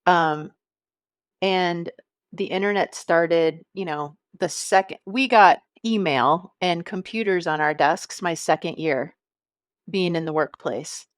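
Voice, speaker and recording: A woman in her fifties, guesting on a podcast, discusses marketing in a friendly conversational interview, laughing easily and thinking aloud with fillers. Her voice is on the low side and slow. The studio-quality recording has no echo.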